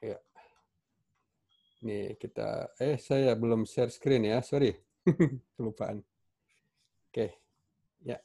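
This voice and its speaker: Male welding instructor with an Indonesian accent, mellow tone, loose and halting delivery, computer mic on a call. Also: mid-range voice, gravelly, husky. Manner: casual, halting, many fillers and restarts. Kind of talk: online class lecture. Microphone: computer mic on a video call.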